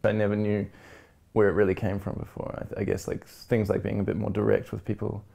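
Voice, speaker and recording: A man's voice: fairly low pitch, completely flat delivery, fast talker, creaky, mellow. Easygoing New man in his thirties. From New Zealand. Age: 30s. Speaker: blind date participant. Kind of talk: casual interview and chat. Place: hotel room and restaurant, indoors.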